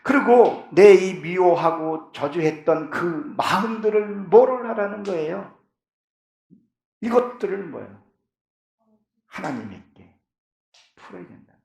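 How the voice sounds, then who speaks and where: High, gravelly-voiced pastor preaching fervently. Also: male voice, animated, unhurried, pauses often, darkish tone. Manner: fervent, rising to impassioned pleading in prayers. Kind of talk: sermon. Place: church sanctuary. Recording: echoey church hall.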